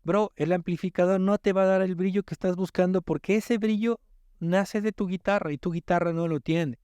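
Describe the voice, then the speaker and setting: A man's voice: high voice, steady tone, fairly quick, a little mellow, clean tone, no echo, clean studio sound. A man from the Ecuadorian coast, a music producer talking as a podcast guest in an emphatic, explanatory way, often repeating words as he starts. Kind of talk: casual podcast chat.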